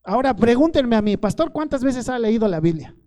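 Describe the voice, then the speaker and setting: A man's voice: extremely high pitch, expressive, brisk, warm tone. A middle-aged male pastor preaching a sermon, asking the congregation questions and pleading with growing fervor.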